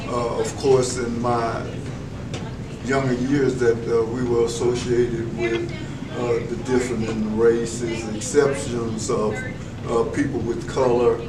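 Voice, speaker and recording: This interviewee is a longtime school educator in his 70s from Texas, speaking in a mid-range voice. His reflective answers come slowly, in an even tone and formal, measured phrasing, often interrupted by filler pauses. The room is echoey, he's somewhat far from the mic, and background noise clearly hums underneath.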